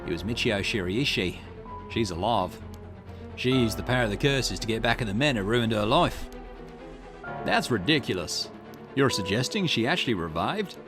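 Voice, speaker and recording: At normal speed, a gaming channel host reads game dialogue aloud in a let's play, switching between character lines with lively pitch swings. Game music plays underneath his voice.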